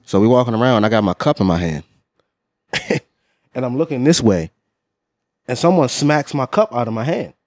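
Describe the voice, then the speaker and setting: Male co-host, middle-aged, lively swooping delivery, slangy and profane, close dry sound. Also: medium pitch, normal speed, long pauses, dry recording. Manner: slangy, profane, animated storytelling. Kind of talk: casual banter and storytelling.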